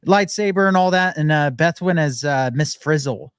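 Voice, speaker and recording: A man co-hosting a casual sports podcast over a video call, relaxed and prone to halting restarts. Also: a little high, clear, resonant tone, no echo, studio quality. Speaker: podcast co-host. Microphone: webcam call.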